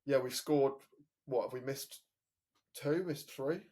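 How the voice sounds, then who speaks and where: A man's voice: medium pitch, takes it slowly, warm tone. Male podcast co-host, mid-range voice, easy conversational recap. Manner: conversational, recounting match events with fillers. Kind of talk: casual football podcast chat.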